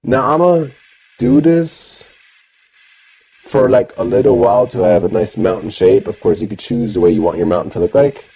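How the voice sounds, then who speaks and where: A man's voice: on the low side, lively intonation, moderate pace, dark tone, rough recording. A man talking through a voice changer, giving a casual step-by-step game tutorial. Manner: plain instructing with filler "you know".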